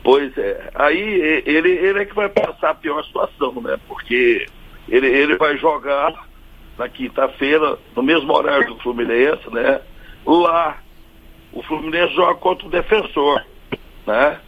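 A man with a Brazilian Portuguese accent and a voice on the high side commentates on football for a radio sports show. He halts and restarts often, and the audio sounds dull.

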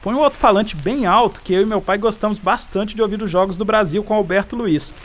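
An actor playing an anxious, devoted young son in a radio drama. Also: male voice, sits high, fairly quick, close to an everyday voice. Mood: caring, earnest.

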